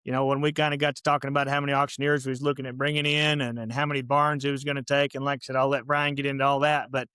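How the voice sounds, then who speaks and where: A man's voice: mid-range voice, level tone, rapid-fire, few pauses, pushed and bright, clean tone, no echo. A man, speaking as a guest organizer in a casual, folksy, plainspoken way. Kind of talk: casual interview talk.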